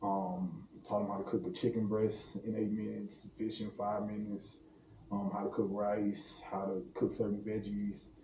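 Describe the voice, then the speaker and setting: A man's voice: on the low side, monotone, moderate pace, background noise. A man from St. Louis, a private chef, chatting casually as a podcast guest, telling loose, laughing, slangy stories. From St. Louis, Missouri. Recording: roomy room, distant mic, faint ambience.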